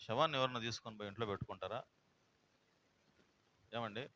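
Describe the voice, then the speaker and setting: A male pastor preaches a sermon with feeling, moving between loud and soft and asking many rhetorical questions. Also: fairly low pitch, a little fast, slight background noise, poor audio.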